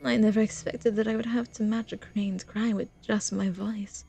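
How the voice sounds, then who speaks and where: A woman's voice: mid-range voice, little pitch movement, normal speed, vocal fry, warm tone, husky. A young woman streaming a game, chatting playfully and reading the dialogue aloud. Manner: chatty, playful, reads dialogue with small voices. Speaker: VTuber streamer.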